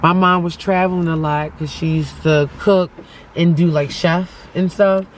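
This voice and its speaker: High-pitched, animated, slangy storyteller, a man. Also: a little slow, slight background noise, poor audio. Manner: animated, profane, slangy, acts out quoted speech. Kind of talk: casual personal storytelling.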